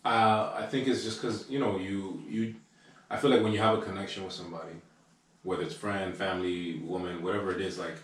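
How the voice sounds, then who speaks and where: A man co-hosting a podcast in relaxed, casual chat, swearing now and then. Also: low-pitched, fairly quick. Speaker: podcast co-host. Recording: roomy echo, distant from mic.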